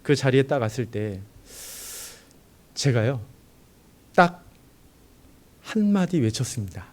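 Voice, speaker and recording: A man's voice: mid-range voice, slow pace. A young man, a junior pastor, preaching in a church and telling his own story, acting out the dialogue as he goes. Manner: animated storyteller who acts out dialogue. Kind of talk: sermon with personal testimony.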